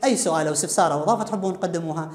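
A man's voice: on the high side, very fast. A man with an Iraqi Arabic accent teaching an English lesson on video, explaining step by step and quizzing students aloud. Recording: echoey room with long reverb.

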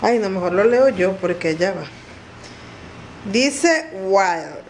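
A woman's voice: mid-range voice, animated, takes it slowly, slight background noise. A woman with a Venezuelan accent, vlogging casually at home in a chatty, playful, exclamatory way. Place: home, indoors.

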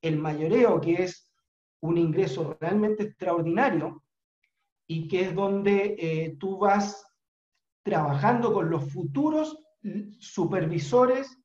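A middle-aged man with a Chilean accent, a business trainer telling a motivational story in an earnest, unhurried way with frequent fillers, on a video call from a room at home. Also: sits high, a little mellow. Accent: Chilean Spanish. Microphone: webcam on video call. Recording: roomy, dull webcam audio.

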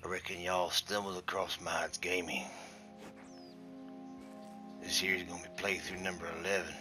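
A man's voice: low voice, flat delivery, moderate pace, loud music behind the voice, lightly acted. A man putting on a folksy drawling cowboy. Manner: exaggerated southern cowboy drawl. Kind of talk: gameplay commentary.

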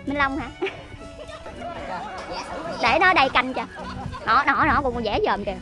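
A woman commenting on the spot outdoors. She exclaims a lot, stammers into quick repeats, and playfully scolds the animals around her. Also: high-pitched, over music, a crowd in the background. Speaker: vlogger on location.

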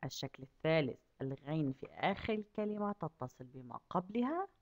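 A woman teaching a kindergarten class, asking the children questions and drawing out each word slowly so they can repeat it. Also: deep voice, big pitch swings, highs cut off. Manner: asks children questions and stretches out words slowly to model them. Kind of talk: lesson for young children.

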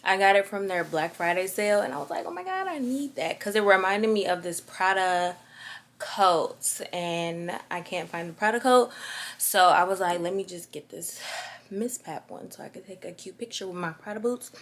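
A woman's voice: mid-range voice, lively intonation, normal speed. Young chicago woman talking to her vlog camera, chatty and upbeat, lots of like and y'all. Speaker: vlogger. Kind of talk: casual vlog talk to camera.

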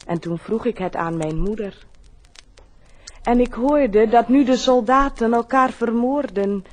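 A woman declaiming a poem in a solemn, deliberate manner, with dramatic pauses. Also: mid-range voice, a little mellow. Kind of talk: poetry declamation.

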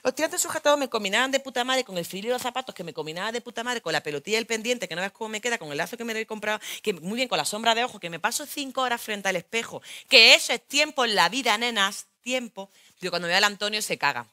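A woman's voice: a little high, fast, hardly any pauses. Frank Spain Spanish woman performing a monologue. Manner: lively, frank, crude colloquial storytelling addressed to the audience. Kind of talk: theatrical monologue.

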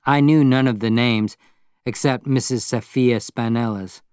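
A man reading a novel aloud as narrator in a measured, plain storytelling manner. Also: mid-range voice, fairly even intonation, a little mellow, smooth, dry recording, clean studio sound. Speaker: audiobook narrator. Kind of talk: scripted narration.

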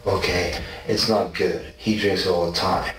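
In a small, bare interview room, a suspect in his forties from South Africa and Argentina answers police insistently, frequently asking "okay?". His low-pitched voice holds a steady tone at a measured pace and sounds fairly bright. The audio is roomy, distant and noisy, picked up by a fixed camera microphone in the room.

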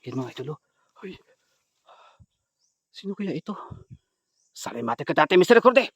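A young man from the Philippines leads a ghost-hunting vlog in a light, high voice. He drops to hushed asides for his viewers, then calls out loudly and chants prayers. The sound is dry and close, with no room around it. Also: big pitch swings, normal speed, breathy edge, no room sound. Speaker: ghost hunter vlogger. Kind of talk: paranormal investigation vlog.

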